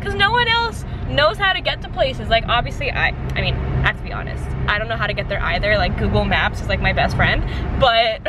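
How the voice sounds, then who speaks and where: A woman's voice: on the high side, animated, fairly quick. A young American woman chatting casually to her vlog in a self-deprecating way, with a slight lisp from a sore jaw. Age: young adult. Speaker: vlogger. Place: moving car, also a busy restaurant. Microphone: handheld camera at arm's length. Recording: loud car and crowd noise. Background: road noise, restaurant chatter.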